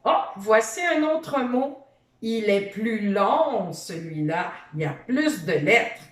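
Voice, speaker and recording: Slow, lively teacher voice in an echoey room. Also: female voice, mid-range voice, distant mic. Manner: slow, encouraging, sounds out letters. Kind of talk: children's reading lesson.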